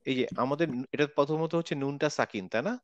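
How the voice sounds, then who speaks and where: A man teaching an online class on recitation rules, explaining patiently step by step and slowly modeling recited words. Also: mid-range voice, no room sound, muffled recording.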